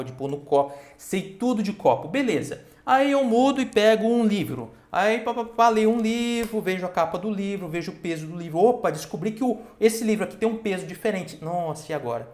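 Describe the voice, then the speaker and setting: Brisk and with few pauses, a man delivers a recorded online lecture in a slightly high, a little mellow voice, with roomy echo in the audio. He keeps asking himself questions and answering them, frequently checking on his audience.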